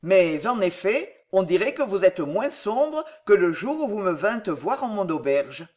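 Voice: medium pitch, big pitch swings, a little slow. A reader doing a fervent young count. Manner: fervent, slightly louder. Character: young devoted count, ardent friend in love. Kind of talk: audiobook character reading.

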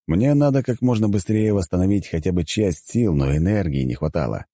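A man narrating a fantasy audiobook in a wry, measured way. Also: low voice, animated, mellow, dry recording, clean studio sound. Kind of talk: scripted narration.

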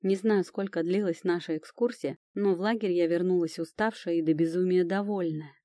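A woman reading a first-person fantasy story aloud, lively and expressive. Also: on the low side, moderate pace, no room sound, studio quality. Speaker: audiobook reader.

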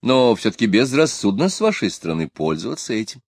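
Guy reading as a cool ironic scholar, low voice, lively melody, dry recording. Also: fairly quick, no room sound. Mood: steady. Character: calm, mocking male scholar traveller, firm.

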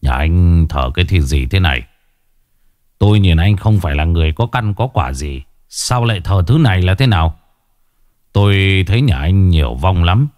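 A man playing a grim one-eyed exorcist in a ghost story, speaking low and stern with a reproachful edge. His delivery rises and falls with feeling, recorded close and dry. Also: animated, moderate pace, darkish tone, no echo. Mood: stern scolding. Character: stern one-eyed male exorcist master, older, gruff.

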